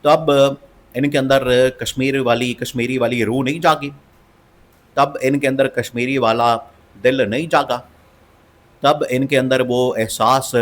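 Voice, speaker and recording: A man giving opinionated political commentary, emphatic and scornful, and he repeats phrases for stress. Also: medium pitch.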